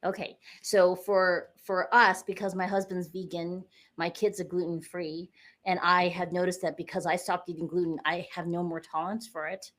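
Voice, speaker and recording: A middle-aged American woman appears as a podcast guest, chatting casually and explaining things step by step with a few fillers. Her voice is on the low side and fairly bright, with little pitch movement, at a normal speed.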